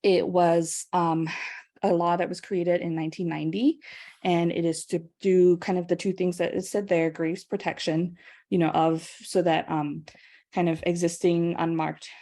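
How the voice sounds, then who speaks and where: A woman's voice: low-pitched, mellow. A young woman from Singapore giving an online guest lecture, chatty and casual with many ums and small laughs.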